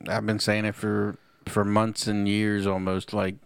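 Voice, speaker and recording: Gravelly low-voiced man recapping fights. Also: monotone, a little slow, dry recording. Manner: laid-back, profane, joking. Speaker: podcast co-host. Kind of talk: casual fight-recap chat.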